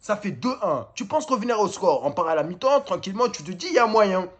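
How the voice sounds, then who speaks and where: A man recapping a football match in a casual video, exasperated and mocking, swinging between high outbursts and low mutters. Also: very animated, quick pace, breathy edge, dull audio. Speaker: football fan commentator.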